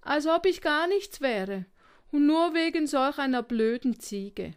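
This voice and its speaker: Woman doing a high whimpering little monkey boy. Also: lively intonation, unhurried. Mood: sobbing, indignant. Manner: whimpering, pleading. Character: small young male monkey, lonely and tearful.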